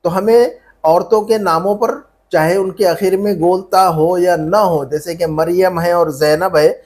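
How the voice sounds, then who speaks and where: A patient male Arabic teacher with a noticeably high voice. He explains each grammar rule step by step, repeats it several times, and keeps quizzing his students with questions. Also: fairly even intonation, unhurried, a little mellow. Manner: mixes Hindi-Urdu with Arabic terms. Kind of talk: online Arabic grammar lesson.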